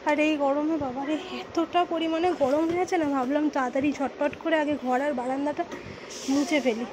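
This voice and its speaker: Woman, high-pitched, chatty home vlog, repeats herself, slightly hoarse, phone recording with a faint hum behind. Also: steady tone, brisk. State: hoarse from the heat. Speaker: vlogger. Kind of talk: casual vlog narration. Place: home, indoors and on a veranda. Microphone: phone camera.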